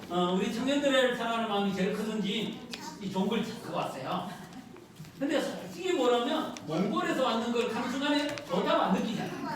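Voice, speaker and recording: High-voiced woman pastor in an echoey church. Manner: earnest, questioning the congregation, laughing at times. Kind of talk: sermon. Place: church sanctuary. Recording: echoey hall, distant mic, noisy.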